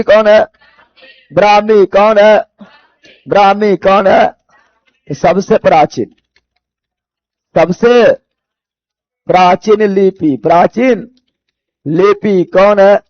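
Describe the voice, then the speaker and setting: A man from Bihar teaches a competitive-exam general knowledge class in a high-pitched voice and a Bihari accent. Drilling by repetition in this live coaching lecture, he restates key phrases and asks his students rhetorical questions to check them. The sound is muffled, with no room sound.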